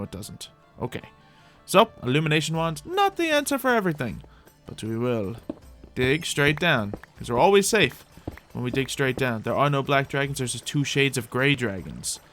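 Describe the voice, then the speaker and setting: This medium-pitched, somewhat bright-sounding man is a gaming host in character for a roleplay. He improvises lighthearted commentary on the gameplay, musing aloud to viewers.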